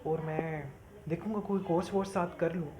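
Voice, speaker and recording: A performer voices an earnest young man who reassures his family as their elder brother. His delivery is steady and calm. The sound is echoey, with steady background noise. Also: medium pitch, normal speed, close to an everyday voice. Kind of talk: amateur short-film acting.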